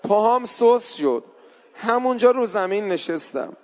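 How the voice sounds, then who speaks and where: A man's voice: high voice, lively intonation. A man telling a mourning story as a sermon, voicing the people in it, then rising into a wailing chanted lament. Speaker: eulogist preacher.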